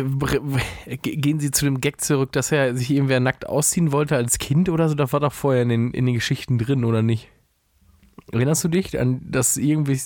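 A man's voice: medium pitch, a little mellow, no room sound. A man co-hosting a podcast in casual chat, hesitant, often stumbling and restarting his sentences. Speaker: podcast co-host.

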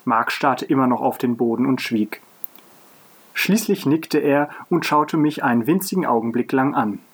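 A man co-hosting a podcast and reading a children's Christmas story aloud in a calm, steady way. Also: medium pitch, moderate pace, breathy edge. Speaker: podcast co-host and story reader.

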